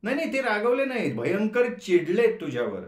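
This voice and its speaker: A man voicing a lively, teasing young woman in a told story. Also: sits high, a little fast, echoey room, pitched above the performer's own voice.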